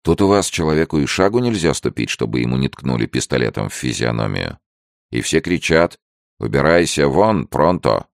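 A wry, self-assured gentleman adventurer, voiced by a male narrator in a deep, gravelly register lifted somewhat above it. He sounds half-joking and coolly polite in a dry, close storybook reading. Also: animated, brisk, dry recording, heavily acted.

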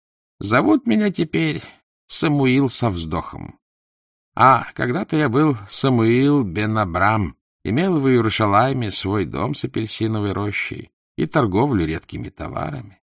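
A man's voice: mid-range voice, very animated, creaky, dry recording, studio quality, pitched above the performer's own voice, full character voice. A man voicing a plaintive, wheedling older male merchant held as a slave, sighing and complaining as he talks. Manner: whiny, sighing, fast-talking complaints.

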